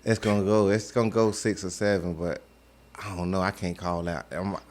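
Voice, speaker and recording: Low male voice, slangy sports co-host, argues informally and repeats points. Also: little pitch movement, normal speed, a little mellow, slight background noise. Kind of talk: casual basketball debate.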